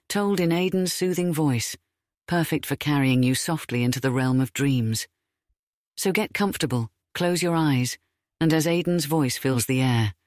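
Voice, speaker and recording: A man speaking as a sleep story host, guiding listeners into relaxation in a soothing, measured manner. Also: fairly high pitch, darkish tone, dry recording, studio quality. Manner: soothing, slow, measured delivery.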